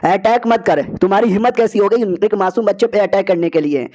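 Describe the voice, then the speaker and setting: A man's voice: sits high, brisk, a little mellow, close to an everyday voice. A man playing a cool, confident young hero. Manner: cool, commanding.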